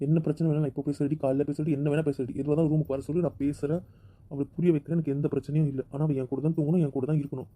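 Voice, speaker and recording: A man's voice: a little high, little pitch movement, rapid-fire, warm tone, lightly acted. A man playing a possessive, hot-tempered young husband who keeps demanding that his wife come back to their room, in an amateur audio drama. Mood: stubborn. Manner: insistent, stubborn, repeats his demands.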